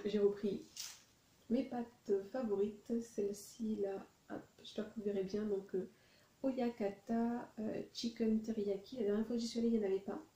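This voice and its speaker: A woman's voice: mid-range voice, warm tone, roomy sound, low-quality recording. A woman vlogger chatting casually about a shopping haul, rambling and correcting herself as she goes. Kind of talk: casual chat.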